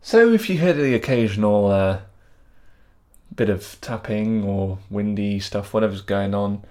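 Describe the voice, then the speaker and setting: A man's voice: fairly low pitch, lively intonation, measured pace, darkish tone. A man co-hosting a podcast in casual chat, joking and laughing easily at himself. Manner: chatty, laughs easily, self-deprecating. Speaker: podcast co-host.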